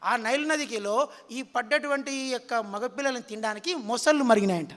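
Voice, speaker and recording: High, bright-voiced man preaching. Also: fairly quick, big-room sound. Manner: quizzes the audience with repeated questions. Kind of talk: sermon.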